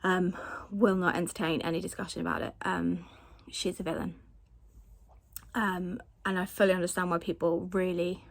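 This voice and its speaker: A woman's voice: on the low side, flat delivery, normal speed, gravelly. A woman, chatting casually to camera in a rambling way with lots of fillers, recorded as a phone video held at arm's length. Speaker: family vlogger.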